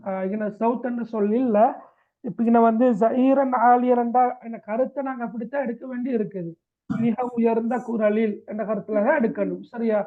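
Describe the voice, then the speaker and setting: A man teaching an Arabic text in class, repeating each phrase and asking students to check they follow. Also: very high voice. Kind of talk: classroom translation lesson. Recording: tinny phone-like sound.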